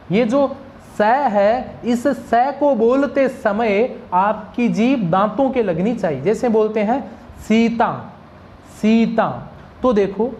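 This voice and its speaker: Speaking in a mid-range, slightly mellow voice over faint background noise, the woman continues her Sanskrit pronunciation lesson. She asks questions and supplies the answers herself, drilling each sound individually.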